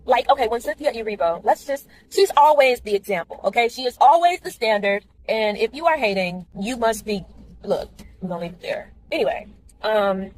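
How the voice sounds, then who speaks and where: A woman's voice: fairly high pitch, brisk, a little hiss or hum, low-quality recording. A woman talking candidly to viewers in a casual vlog while driving in the rain. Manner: chatty, candid, animated asides to viewers. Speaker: vlogger.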